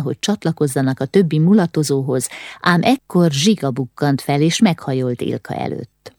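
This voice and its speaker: Low-voiced woman narrating an audiobook. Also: a little mellow, no room sound, studio quality.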